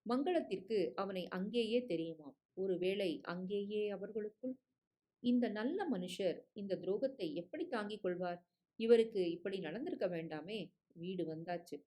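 A woman narrating a short story as an audiobook, reading in a measured, expressive way. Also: medium pitch.

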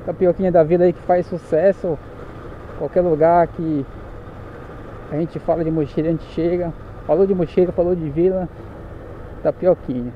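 This chatty motorcycle vlogger from Pará, Brazil, with a Paraense Brazilian Portuguese accent, talks casually while riding the streets, joking and correcting himself. His voice, a little higher-pitched than most men's, has fairly even intonation at a moderate pace with long pauses. It comes through muffled over loud engine and traffic noise.

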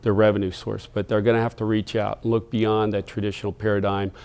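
A man on a studio panel with a low, gravelly voice, laying out practical business ideas through rhetorical questions. He speaks on a studio set. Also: little pitch movement, fast, a little mellow. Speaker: panel guest. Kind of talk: panel discussion on a TV talk show.

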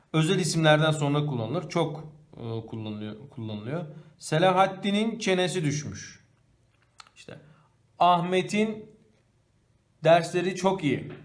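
A man teaching a primary school grammar lesson. He asks the class questions and then answers them himself, and he slows down to read the example sentences aloud. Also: medium pitch. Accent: Turkish.

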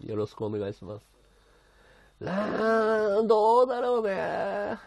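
Chatty man with a lively, husky voice. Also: sits high, slow pace. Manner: chatty, thanks viewers and reads their comments. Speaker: livestream host. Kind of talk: casual livestream chat. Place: bedroom at home.

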